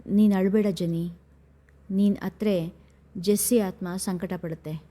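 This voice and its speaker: A woman's voice: mid-range voice, fairly even intonation, a little slow, warm tone, lightly acted. A woman voicing a scheming, menacing older brother who speaks in a heavy, brooding way. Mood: soothing.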